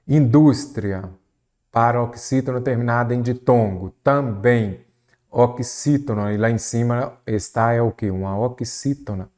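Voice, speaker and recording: A man teaching Brazilian Portuguese spelling for an exam, asking the viewer many quick rhetorical questions. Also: medium pitch. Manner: lively, varied pace, rhetorical questions to the viewer. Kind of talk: exam-prep lesson. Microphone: recorded for an online video lesson.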